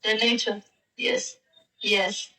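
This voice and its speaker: A woman's voice: mid-range voice, wildly swooping pitch, slow pace, recorded from a distance, over music. A woman chatting casually on a live-stream app, speaking in a playful, teasing manner. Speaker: language exchange chat partner. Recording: echoey and off-mic.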